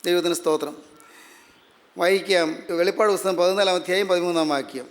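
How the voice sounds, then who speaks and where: High-voiced Malayali preacher in reverb. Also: male voice. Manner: measured, repeats phrases for emphasis. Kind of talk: sermon. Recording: long hall reverb.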